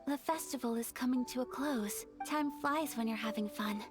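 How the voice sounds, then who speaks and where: A woman playing a polite, gentle young noble lady in a video game, courteous, formal and earnest. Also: a little high, normal speed, natural voice. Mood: wistful, heartfelt. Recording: soft background music.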